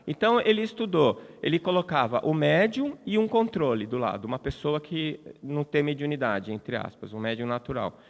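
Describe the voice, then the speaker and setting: A Brazilian man with a somewhat high voice delivers a spiritist lecture at a congress. He talks conversationally, restarting phrases and tagging questions onto his points. His voice rings out with a long reverb from the large hall. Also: lively intonation, a little fast, creaky, hardly any pauses. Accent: Brazilian Portuguese.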